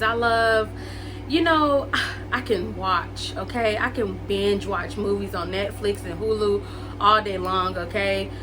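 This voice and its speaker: On a low-quality recording, a late-twenties female vlogger with a medium-pitched voice does a relaxed get-to-know-me chat. She peppers it with "like" and "um" and keeps calling viewers "y'all" and "guys."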